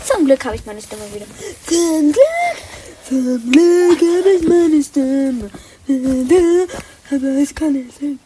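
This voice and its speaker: Very high, whiny dramatic little girl played by a woman. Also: quick pace, hardly any pauses, background noise, close to an everyday voice. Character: whiny, dramatic young girl who loses her voice. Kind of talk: improvised pretend-play acting.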